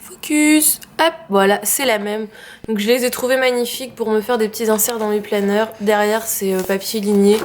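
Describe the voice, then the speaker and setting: A craft vlogger with a French accent shows off her craft purchases in a casual haul video, chatting away with lots of fillers. Her mid-range voice is brisk and flatly delivered, with slight background noise.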